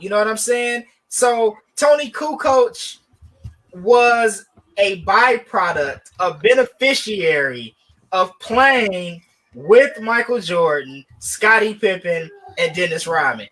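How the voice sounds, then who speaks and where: A man co-hosting a podcast, animated and joking, with sarcastic asides in casual sports debate. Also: high voice. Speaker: podcast co-host.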